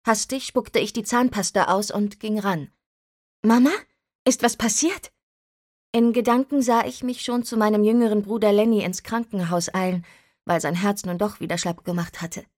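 A woman narrating a first-person story as an audiobook, with lively expressive delivery. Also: medium pitch, moderate pace, dry recording, studio quality.

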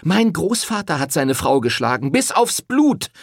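A man reading an audiobook, voicing a furious, defiant young woman who shouts her accusations. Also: a little high, big pitch swings, unhurried, creaky, dry recording, studio quality, voice pushed up, exaggerated voice. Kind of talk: audiobook character voice.

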